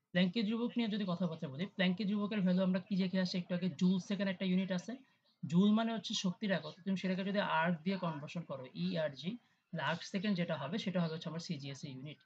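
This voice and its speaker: A tutor talks through an online class at an average pitch, switching into English terms and often asking if everyone is following. The voice comes over a video call. The sound is dull and lo-fi with a faint hiss underneath. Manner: conversational, often checks in with students; mixes English terms into explanations. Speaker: chemistry tutor.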